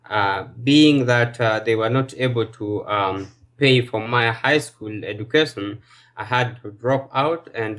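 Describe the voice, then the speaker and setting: Male guest, low voice, very slow and halting delivery. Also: fairly bright tone. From Kenya. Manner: hesitant, many fillers and pauses. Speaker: guest bodybuilder and personal trainer. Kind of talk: casual interview.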